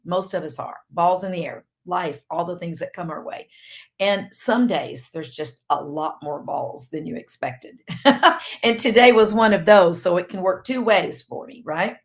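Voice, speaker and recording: A woman's voice: lowish voice, normal speed. A middle-aged woman physician with a Southern US accent, hosting a live online health session in a chatty, rambling way. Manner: chatty, rambling, laughs easily. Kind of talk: casual live-stream chat.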